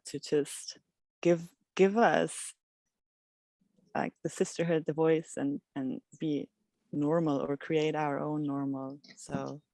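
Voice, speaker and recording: A woman from Switzerland, a podcast guest speaking outdoors in a reflective, halting way. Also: deep voice, gravelly, dry recording. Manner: soft, reflective, halting with restarts. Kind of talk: casual interview chat. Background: birdsong.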